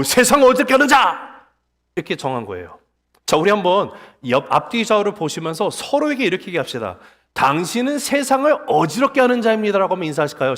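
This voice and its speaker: A male pastor preaches in a church sanctuary with a high, lively voice that swings widely in pitch. His words carry a long reverb through the hall, and he keeps pulling the congregation in to answer and read along. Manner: animated preaching, drawing the congregation in. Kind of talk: sermon.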